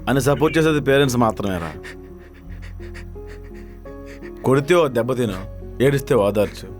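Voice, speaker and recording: A man's voice: mid-range voice, lively intonation, fast, soft background music, natural voice. An actor playing a sarcastic young man who mocks his roommate and his old landlord. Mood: preachy. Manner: wisecracking, mocking. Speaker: lead comic actor in a web series.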